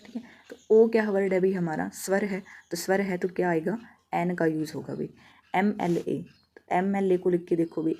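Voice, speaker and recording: Teaching an exam-prep grammar lesson, a woman with a dark-toned, lowish voice and a Haryanvi Hindi accent breaks every rule down step by step. She asks her own questions and answers them, reading the example sentences at a slow pace.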